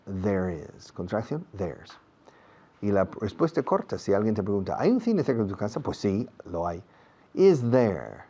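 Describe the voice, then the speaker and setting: A man's voice: fairly low pitch, dark tone. A man teaching English in a classroom explanation, drilling phrases and exaggerating pronunciation. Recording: dull lo-fi recording.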